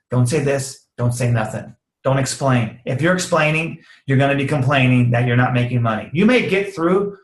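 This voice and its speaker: A man giving a casual, energetic sales training talk, slangy and quick to act out sample conversations. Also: mid-range voice. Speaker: network marketing trainer. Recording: roomy echo.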